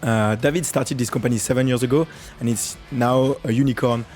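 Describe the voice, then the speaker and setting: A man hosting a business interview show, speaking at an ordinary pitch. He hesitates often and fills gaps as he introduces his guest, while a guitar plays faintly in the background. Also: fairly even intonation, fairly quick, a little mellow. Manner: hesitant, full of fillers. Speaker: podcast host. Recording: faint guitar music behind.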